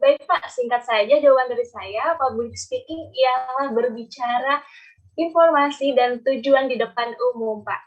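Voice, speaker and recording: High, husky young woman on a call, distant and muffled, formal tone. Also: unhurried. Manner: polite and formal. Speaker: pageant contestant. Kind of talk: answering a question in class. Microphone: video call. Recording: distant, dull call audio.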